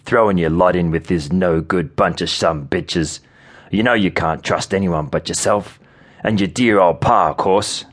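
A male narrator voicing a gruff, distrustful old father with a barking, scolding way of speaking. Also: low-pitched, a little slow. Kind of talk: audiobook character voice.

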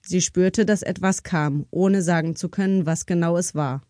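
A woman's voice: on the low side, fairly even intonation, moderate pace, mellow, no echo, clean studio sound. Woman narrating a crime audiobook. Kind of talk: scripted narration.

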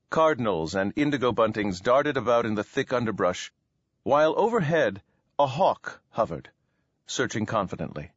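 A male audiobook narrator reading with expressive, lively pitch. His middle-pitched voice is recorded dry, with slightly dulled highs. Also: no echo, lo-fi sound. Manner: expressive storytelling. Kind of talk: scripted narration.

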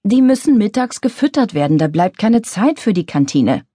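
A woman's voice: medium pitch, very animated, normal speed, mellow, no echo, clean studio sound. A woman voicing a patient, put-upon young woman defending herself to her coworkers. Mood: defensive. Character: put-upon, friendly young female office worker.

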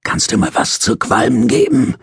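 A man voicing a dying, bitter old male prisoner, with a hoarse, rasping voice and drawn-out, wheedling speech. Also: fairly low pitch, dry recording, clean studio sound, voice pushed up, exaggerated voice. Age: older.

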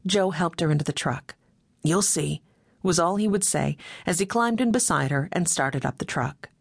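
A woman reading a novel aloud as an audiobook narrator, in steady scripted storytelling. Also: lowish voice, normal speed, vocal fry, no room sound, studio quality.

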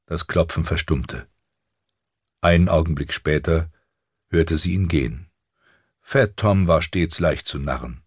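Male audiobook narrator, very low husky voice, dry studio sound. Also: no room sound. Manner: measured, even storytelling. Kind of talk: scripted narration. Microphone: studio microphone.

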